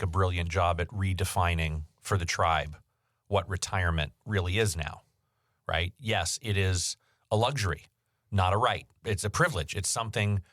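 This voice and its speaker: A man with a fairly low voice co-hosting a podcast, speaking candidly and easily with the odd joke. The sound is dry and close, with no room echo. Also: a bit bright. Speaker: podcast co-host. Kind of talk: casual chat.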